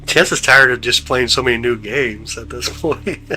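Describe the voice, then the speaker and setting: A congested, stuffy-nosed man hosts a live telescope stream, chatting with viewers in a laid-back, slangy manner. His medium-pitched voice moves at normal speed and sounds pushed and bright, on a low-quality recording with slight hiss or hum.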